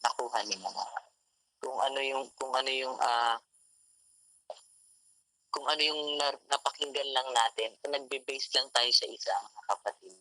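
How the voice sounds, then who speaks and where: A man's voice: medium pitch, normal speed, pauses often, bright, forceful tone, dry recording, low-quality recording. A man giving a Taglish sermon at an online devotion, often repeating "mga kapatid" to his listeners. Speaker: youth devotion speaker. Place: home, online meeting room. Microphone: call mic.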